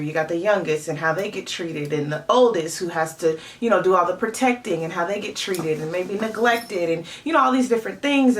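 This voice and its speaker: A woman chatting casually in a review vlog, animated and opinionated, with lots of filler asides. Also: mid-range voice, recorded from a distance, slight background noise. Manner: chatty and animated, many "you know" fillers. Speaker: TV show reviewer.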